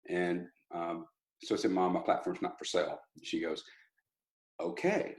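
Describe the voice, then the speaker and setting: A man, a country singer telling stories in an interview, animated and rambling with restarts and laughs. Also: sits low, a little slow, low-quality recording. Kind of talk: casual interview storytelling.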